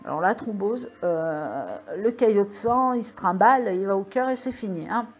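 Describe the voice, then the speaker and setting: A woman talks straight to her viewers in a loose, rambling monologue, full of hesitations and pointed warnings. The recording sounds a bit dull and lo-fi. Her pitch is mid-range. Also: expressive, moderate pace, a little mellow, husky. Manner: rambling, many fillers, emphatic warnings. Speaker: video channel host. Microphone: microphone. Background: computer mail alerts.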